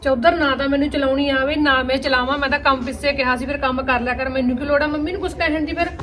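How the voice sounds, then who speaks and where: A woman's voice: high-pitched, steady tone, fairly bright tone, slight background noise. Woman playing a fed-up overworked elder daughter-in-law. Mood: indignant. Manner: rapid, scolding, indignant complaints. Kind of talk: amateur village family skit. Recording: roomy echo, distant from the mic.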